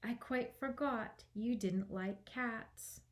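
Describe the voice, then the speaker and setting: A woman's voice: on the high side, slow. A woman voicing an eager, polite young girl who chatters earnestly and apologises readily, in a children's storybook reading. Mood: apologetic, anxious.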